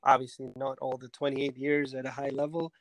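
A man in his forties from Albania, a soccer technical director, telling his story in a relaxed interview with plenty of ums and restarts. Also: mid-range voice, fairly quick, no room sound, poor audio. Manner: hesitant, many ums and restarts. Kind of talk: casual interview talk.

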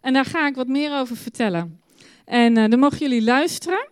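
Expressive woman storyteller for kids in church, bright-pitched and close. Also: fairly quick, smooth, dry recording. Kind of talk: Bible story told to children.

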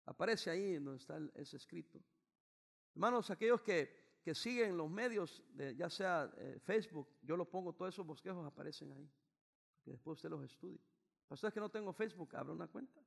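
An older man, a pastor, preaching a sermon that swings from loud exclamations down to quiet low passages. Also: a little fast, vocal fry. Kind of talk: bilingual sermon.

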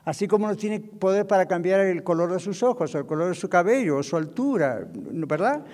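High-voiced pastor preaching in a hall. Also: male voice, lively intonation, fairly quick, darkish tone. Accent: Latin American Spanish. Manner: conversational preaching with asides to the congregation. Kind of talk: sermon on marriage. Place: church hall.

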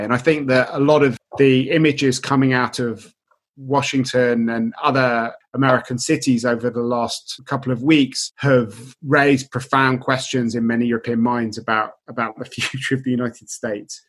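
Male moderator, mid-pitched voice, fluent, measured questions. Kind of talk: panel discussion.

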